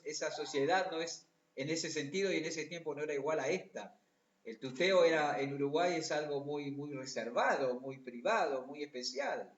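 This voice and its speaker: Man, pastor, sermon, high voice, rhetorical questions, echoey hall. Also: muffled recording. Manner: rhetorical questions with repeated tags.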